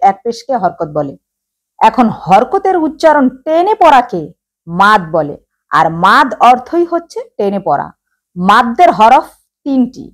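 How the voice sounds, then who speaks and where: A woman explains how to read letters in a slow, careful teaching voice, sounding out each syllable for the viewer. Her voice sits a little high and moves through a wide, sing-song range. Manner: addresses viewers directly, sounds out letters slowly. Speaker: Quran reading teacher.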